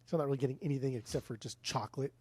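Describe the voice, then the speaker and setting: Speaking at a racing pace in a husky, darkish, medium-pitched voice, a congested man who runs a record store co-hosts a casual podcast chat. He rambles, swears freely, and jokes in a mock-angry way, captured dry by a desk mic on a mixer in a room at home.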